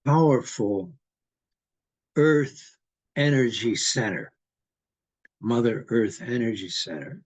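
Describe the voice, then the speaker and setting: A man in his eighties from Hungary, talking in a slow, rambling, philosophical way in casual conversation. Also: mid-range voice, animated, slightly rough, rough recording. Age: 80s.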